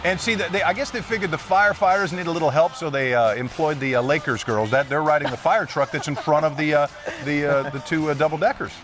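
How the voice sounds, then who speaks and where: Fast-talking male parade commentator. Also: a little high, steady tone, music in the background. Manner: conversational, frequent restarts and interjections. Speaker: parade commentator, sports analyst co-host. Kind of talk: live parade commentary, casual sports chat.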